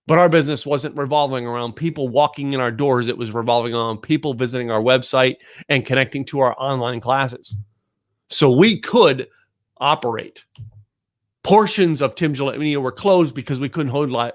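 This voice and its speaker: A podcast host speaks straight to camera in a medium-pitched male voice, giving a blunt, emphatic, preachy monologue and repeating "ladies and gentlemen." The sound is studio quality with no echo, recorded on camera.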